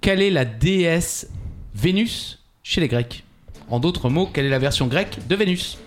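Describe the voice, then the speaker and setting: A man's voice: fairly high pitch, animated, moderate pace, soft background music. Joking French man reading quiz questions. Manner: joking, reads questions aloud. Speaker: quiz host. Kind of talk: casual quiz banter.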